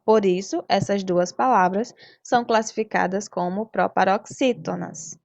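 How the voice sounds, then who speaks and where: A woman's voice: medium pitch, no room sound. Patient woman teacher, dry lo-fi recording. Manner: patient, slows to spell out example words; checks in often with the class. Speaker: primary school teacher. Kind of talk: recorded remote class lesson.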